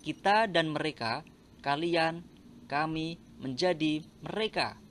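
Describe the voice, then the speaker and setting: A man reads out a grammar lesson, working through points one by one. His voice sits a little high, and he keeps a slow, even, list-like delivery. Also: a little hiss or hum. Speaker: teacher. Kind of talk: reading a grammar lesson aloud.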